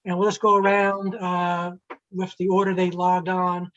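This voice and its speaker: A woman's voice: fairly low pitch, monotone, a little slow, fairly bright tone, slight background noise. A woman moderating a youth livestream over a video call, talking casually with many fillers and restarts. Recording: slightly dull lo-fi audio.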